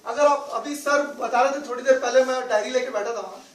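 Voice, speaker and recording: High-voiced male trainer in an echoey hall. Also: fairly quick. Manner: keeps asking the audience questions; mixes English phrases into his talk. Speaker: business trainer. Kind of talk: live training seminar talk. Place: training hall with a live audience. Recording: echoey room, voice from far off.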